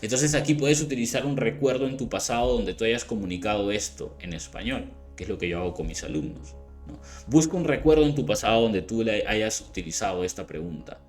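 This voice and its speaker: A man teaching a language lesson in a relaxed explanatory way, often checking in with the listener and slowing down to model phrases. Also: on the low side. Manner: conversational, frequent rhetorical "¿no?" and "¿vale?" checks; slowed careful demonstrations of phrases. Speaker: English teacher. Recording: faint background music.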